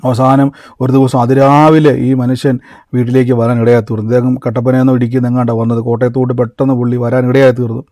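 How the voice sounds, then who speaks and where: A man's voice: medium pitch, flat delivery, fast talker, mellow, dry recording, clean studio sound. A man preaching a conversational sermon, telling a personal testimony and calling his listeners brother and beloved. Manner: storytelling, addresses listeners as brother and beloved, mixes in English words.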